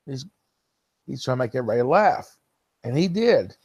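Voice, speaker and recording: A man's voice: medium pitch, very animated, moderate pace, darkish tone, slightly rough, no room sound. A man hosting a casual live stream, talking straight to the viewers who watch the replay and reading chat comments aloud to them. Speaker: livestream host.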